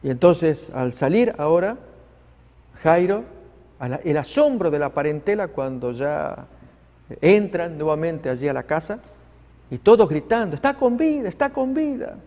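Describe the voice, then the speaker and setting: A man's voice: a little high, expressive, unhurried, pauses often, dark tone, in a large hall. A male preacher delivering a sermon, emphatic and vivid, addressing listeners as friends.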